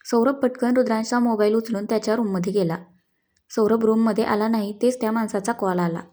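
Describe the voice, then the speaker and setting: A woman narrating a scripted story in a slow, calm, even reading voice. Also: a little high.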